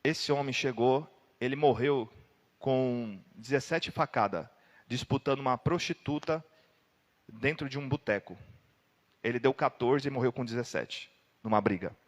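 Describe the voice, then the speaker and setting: A Brazilian man preaching in a church hall, and his voice rings with a long reverb. He tells his story dramatically and breaks into sudden loud outbursts. His pitch sits around the middle for a man. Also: measured pace. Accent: Brazilian Portuguese. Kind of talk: sermon.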